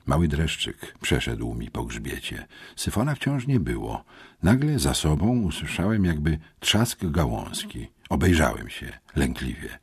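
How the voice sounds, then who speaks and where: A man narrating a children's adventure audiobook in an expressive, dramatic storytelling manner. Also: rumbling low, unhurried, creaky, husky, no echo, studio quality. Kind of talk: scripted first-person storybook narration.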